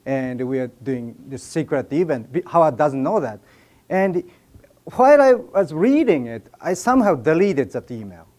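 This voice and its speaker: A man's voice: fairly high pitch, very animated, normal speed, darkish tone. A man with a Japanese accent, a native Japanese speaker, giving a joking seminar talk and directing a live audience.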